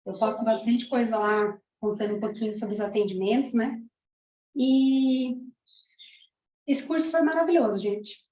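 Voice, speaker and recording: At a measured pace and in a slightly high voice, a thirtysomething Argentine woman, a parapsychologist who also teaches, tells her class an emotional testimonial. She's warm and chatty, sprinkling in plenty of "né"s, and the recording has a roomy, dull lo-fi quality.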